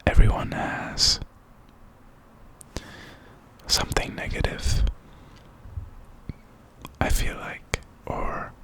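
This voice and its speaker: Slow whispered pep talk from a man. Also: bright, forceful tone. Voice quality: unvoiced, breathy whisper. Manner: encouraging, reflective, unhurried. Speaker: ASMR creator. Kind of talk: whispered pep talk, ASMR positive affirmations.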